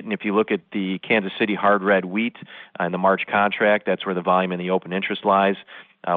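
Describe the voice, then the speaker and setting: A man's voice: deep voice, no room sound. A man giving market analysis over the phone in an interview, speaking analytically with many filler sounds. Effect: heard over the phone. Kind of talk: interview commentary. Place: phone call. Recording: tinny phone line, dry.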